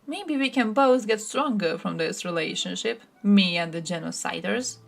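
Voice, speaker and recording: Blunt woman with a gravelly voice. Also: mid-range voice, lively intonation, moderate pace, soft background music. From Croatia. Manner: blunt, sarcastic, swears freely. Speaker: streamer. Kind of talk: live-stream political commentary, answering chat.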